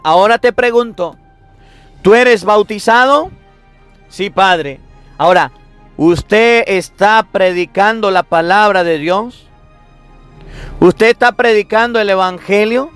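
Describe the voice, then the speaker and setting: Emphatic high-voiced priest preaching. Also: male voice, fairly bright tone, clear, resonant tone. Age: 30s. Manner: emphatic, repetitive preaching with rhetorical questions. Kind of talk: sermon.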